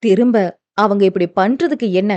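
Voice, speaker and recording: A woman voicing a protective young husband who reassures his wife in a firm, steady voice. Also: medium pitch, normal speed, dry recording, highs cut off, voice pushed down, close to an everyday voice.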